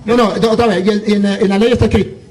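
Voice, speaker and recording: Very high-pitched emphatic priest. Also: male voice, quick pace, a little hiss or hum, rough recording. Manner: animated, emphatic, rhetorical questions. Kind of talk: live religious debate.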